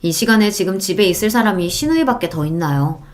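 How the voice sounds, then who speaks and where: A woman's voice: medium pitch, animated, fast. A woman narrating a first-person audiobook story in an indignant, emphatic tone.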